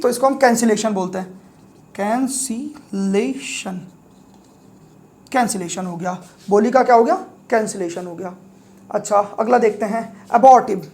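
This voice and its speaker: A man's voice: extremely high pitch, darkish tone. A young man teaching vocabulary for exams. He explains each word with a memory trick and keeps checking in with the class. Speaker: vocabulary teacher for exam prep. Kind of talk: classroom-style lesson.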